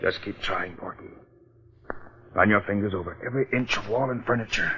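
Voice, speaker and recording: A man playing a tough, commanding police detective in a 1940s radio drama, brisk and insistent. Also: on the low side, pushed and bright, slight background noise. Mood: hushed, tense. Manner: brisk, insistent, takes charge. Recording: muffled 1940s radio broadcast.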